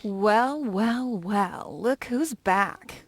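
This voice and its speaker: A woman's voice: a little high, animated, measured pace, fairly bright tone, a little hiss or hum. An actress playing a sarcastic, scornful young woman shopkeeper in a video game, mocking and theatrical.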